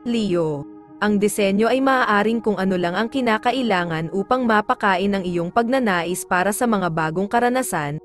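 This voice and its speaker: With quiet music underneath, a woman in a mid-range register delivers the day's horoscopes in a steady, formal reading manner.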